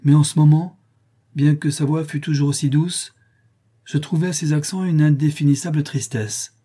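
A man reading a classic novel aloud in a measured, even pace. His voice is dark and mellow with a husky edge. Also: fairly high pitch. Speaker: audiobook narrator. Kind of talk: scripted narration.

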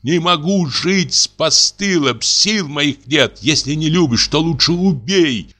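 A man's voice: on the high side, expressive, sharp tone, soft background music, pitched above the performer's own voice, exaggerated voice. A man voicing a desperate, tearful peasant woman. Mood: pleading. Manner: pleading, slow and drawn-out.

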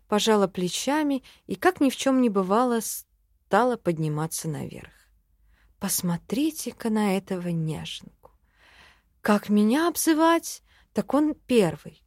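A woman narrating a fantasy novel in first person, wry and expressive. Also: medium pitch, dry recording, studio quality. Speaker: audiobook narrator.

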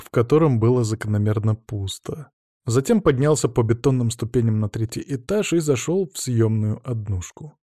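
A man narrating an audiobook in first person, in a steady, matter-of-fact way. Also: mid-range voice, no room sound, studio quality.

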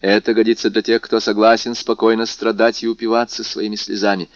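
A man's voice: lowish voice, flat delivery, brisk, no echo, lo-fi sound, close to an everyday voice. A man reading aloud and playing a passionate, determined young man in love, earnest and intense.

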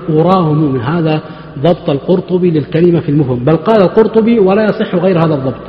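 Scholar lecturing in an echoey mosque. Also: male voice, fairly high pitch. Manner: explanatory, poses questions to students then answers them. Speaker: Islamic scholar teaching hadith. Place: large mosque hall. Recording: echoey mosque hall, dull lo-fi recording.

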